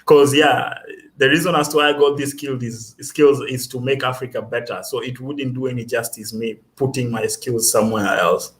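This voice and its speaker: A young Kenyan man, a student guest, speaks in an earnest and self-assured way. His pitch sits in the middle, and he often restarts a phrase before pressing on. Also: steady tone, moderate pace. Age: young adult. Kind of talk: casual interview.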